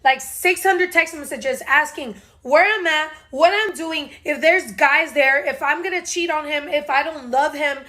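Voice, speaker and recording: A young woman with a very high, bright voice tells a storytime with plenty of sass. Her delivery is exaggerated and quick-tongued, and she hams up every quoted line. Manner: acts out quotes dramatically. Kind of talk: sassy storytime narration.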